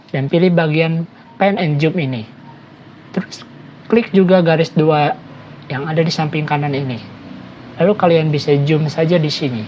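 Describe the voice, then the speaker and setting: A woman narrates a screen-recorded app tutorial in a low voice, giving steady step-by-step instructions and addressing viewers like friends. The highs are cut off, and there's slight background noise.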